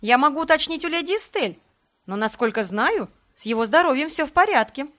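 Icy, sharp-tongued young noblewoman in an audiobook, as the woman narrator voices her. Her politeness is cold and venomous. The voice sits somewhat high. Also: lively intonation, brisk.

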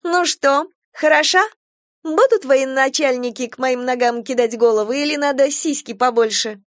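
Woman doing a shrill bratty feral girl. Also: normal speed, no echo, clean studio sound, close to an everyday voice. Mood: playful bratty. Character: feral young girl turned vicious predator.

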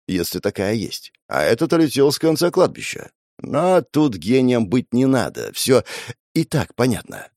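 A man's voice: mid-range voice, no room sound. A man narrating a first-person audiobook in a sardonic, crude manner, recorded on a close mic. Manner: sardonic and crude, wildly expressive.

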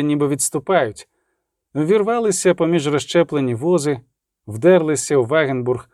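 A man reading an audiobook in a dramatic, measured narration. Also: a little high, darkish tone, dry recording, studio quality.

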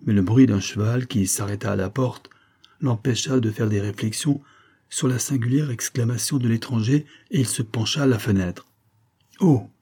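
Guy reading an old historical tale, low husky mellow voice. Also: normal speed. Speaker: audiobook reader. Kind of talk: scripted narration of a historical story.

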